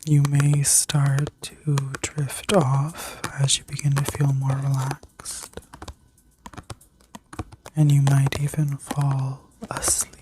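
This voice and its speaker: A woman whispering a soothing guided meditation in an ASMR style, like a sleep story narrator, gently giving instructions with a breathy voice. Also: rumbling low, completely flat delivery, slow pace, background noise. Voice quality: breathy, mostly unvoiced whisper. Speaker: ASMR reiki healer and video host.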